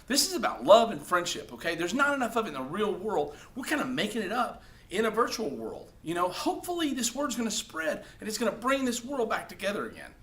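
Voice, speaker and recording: A man's voice: sits high, wildly swooping pitch, fairly quick, hardly any pauses, a bit bright. A man talking casually to the camera, giving blunt, profane advice on social media and often tagging his points with "okay?". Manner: blunt and profane, with lots of "okay?" tag questions.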